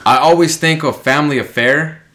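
A man's voice: on the high side, fairly quick, a bit bright, a little hiss or hum. A young man co-hosting a podcast, chatting casually in slangy, laid-back bro talk. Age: young adult. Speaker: podcast co-host. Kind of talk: casual chat.

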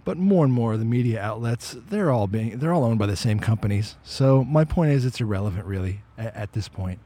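A man's voice: fairly low pitch, expressive, brisk, warm tone, slightly rough. A man hosting a casual walk-and-talk podcast outdoors, talking in an opinionated, conversational way and often repeating words as he restarts. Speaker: podcast host.

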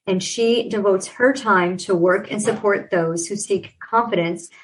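A woman's voice: mid-range voice, unhurried, a little hiss or hum, poor audio. A woman hosting a podcast, introducing her guest with effusive praise. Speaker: podcast host.

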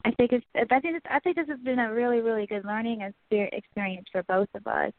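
Woman interviewer, fairly high voice, measured prompts; phone-line sound, dry. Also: steady tone, no room sound. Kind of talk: conversational interview.

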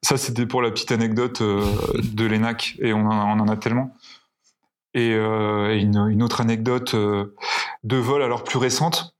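A man's voice: on the low side, level tone, moderate pace. A male pilot telling flight anecdotes in a casual interview, hesitant with many fillers and restarts. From France. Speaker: pilot guest.

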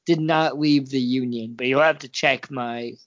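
A man's voice: medium pitch, fairly even intonation, a little slow, no room sound. A man co-hosting a podcast, chatting casually in an easygoing, agreeable way, from Oregon. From Oregon, USA. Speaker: podcast co-host. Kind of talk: casual chat. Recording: dry, dull lo-fi sound.

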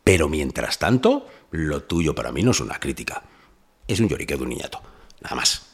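Man, podcast guest, animated storyteller, wildly swinging pitch. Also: brisk, gravelly. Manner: loud, animated storyteller with swearing and laughs. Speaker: rapper guest. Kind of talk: casual podcast interview.

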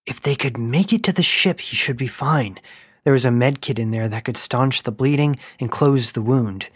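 Guy reading a sci-fi story out loud, middle pitch, dry close mic. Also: moderate pace, husky, no room sound. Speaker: narrator.

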